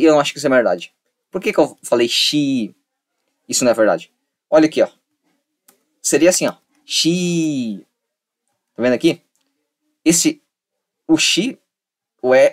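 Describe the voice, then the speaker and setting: A man's voice: a little high, animated, slow pace, pauses often. A young man giving a casual, repetitive lesson and acting out little dialogues to make a point. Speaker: online tutor.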